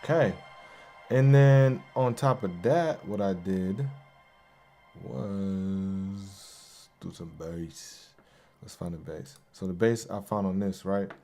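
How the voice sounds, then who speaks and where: A man with a fairly low voice talks through a beat he made in a relaxed, casual way. He sounds like a producer in his home studio, with loud beat music playing behind him. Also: a little slow. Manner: laid-back, hypes along to his beats with yo and hey ad-libs. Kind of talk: casual beat breakdown tutorial.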